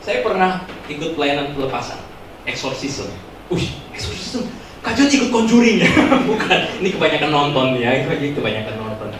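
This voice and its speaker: A man preaching a joking, animated youth sermon as pastor, acting out loud prayers, in a church hall recording heard from far off. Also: on the high side, moderate pace, background noise.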